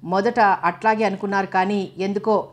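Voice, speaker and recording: A woman's voice: medium pitch, fairly even intonation, moderate pace, lightly acted. Woman doing a chatty village servant. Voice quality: plain dialect, rambling.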